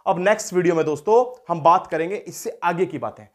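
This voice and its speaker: A man's voice: high-pitched, brisk. A man teaching an exam-prep history lesson, who keeps repeating key terms and asks questions that he then answers himself.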